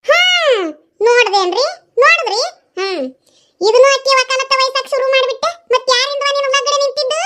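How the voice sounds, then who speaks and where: A woman's voice: very high voice, fast talker, sharp tone, slight background noise. A woman voicing a nagging middle-aged mother in a cartoon, scolding and mocking in a North Karnataka Kannada accent.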